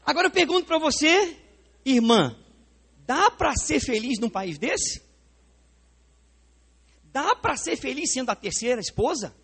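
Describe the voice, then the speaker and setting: A pastor with a Brazilian Portuguese accent preaches in a church sanctuary, his voice very high-pitched and husky, his pace a little slow with long pauses. Animated, he stages a live demonstration and puts questions directly to the congregation.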